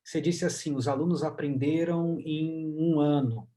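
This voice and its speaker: Male host, fairly high voice, easygoing questions in a casual interview. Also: steady tone, moderate pace, warm tone. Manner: conversational, asks questions. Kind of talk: casual interview over video call.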